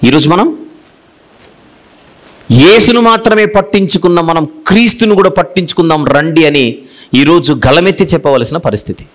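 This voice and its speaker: At a moderate pace with frequent pauses, a man with a Telugu accent delivers a sermon, alternating loud declarations with quiet, hushed rebukes and repeating phrases to drive points home.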